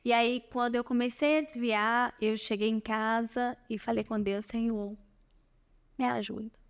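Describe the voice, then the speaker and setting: Young woman, high-pitched, earnest personal testimony. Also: fairly even intonation, normal speed, clear, resonant tone. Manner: earnest storytelling, addresses listeners as "gente". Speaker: podcast guest.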